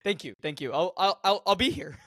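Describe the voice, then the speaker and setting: Young male podcast co-host, high voice, dry close sound, self-mocking and quick to laugh. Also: big pitch swings, fairly bright tone, slightly rough, dry recording. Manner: laughs at his own slips, self-mocking. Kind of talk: casual movie-rewatch chat.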